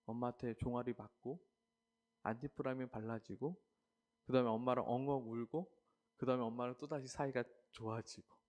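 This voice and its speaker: A man preaching an earnest devotional sermon, swelling in emphasis and then softening. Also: medium pitch, steady tone, a little fast.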